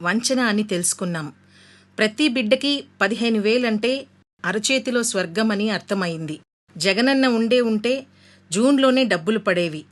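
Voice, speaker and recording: A woman's voice: mid-range voice, fairly bright tone, lightly acted. A woman playing a struggling, bitter housewife declaiming her complaints in a satirical street play.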